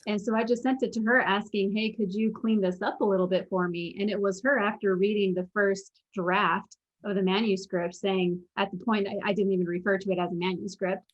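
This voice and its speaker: Here the same guest, a young woman who once played pro basketball and now coaches mental performance, talks a little fast with hardly any pauses. Her mid-range voice has fairly even intonation, the sound is lo-fi, and she sincerely recounts her story, quoting what she used to think.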